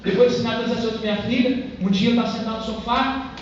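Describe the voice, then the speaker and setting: A man's voice: very high-pitched, fairly even intonation, racing, a little hiss or hum. A man with a Brazilian accent preaching a sermon as a pastor, speaking with passion but in a conversational way, often addressing listeners directly. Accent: Brazilian Portuguese. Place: church hall. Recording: echoey church hall, distant dull mic.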